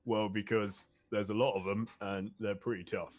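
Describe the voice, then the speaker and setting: A man with a lowish voice plays his character at a tabletop game in a casual, blunt way. He speaks bluntly and bluffly, mixing boasts with plain talk. His delivery is brash and easygoing. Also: little pitch movement, normal speed.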